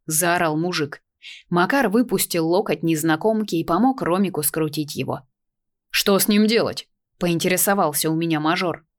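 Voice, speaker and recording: A woman reads a novel aloud as an audiobook. Her slightly low voice stays lively and expressive as she moves through the story. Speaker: narrator. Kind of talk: audiobook narration.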